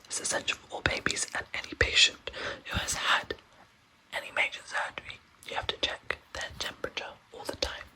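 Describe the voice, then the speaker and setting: Someone reading aloud for ASMR in a breathy, unvoiced whisper, softly repeating words and phrases and adding casual asides. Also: brisk, rough recording. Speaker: ASMR host reading a medical handbook aloud.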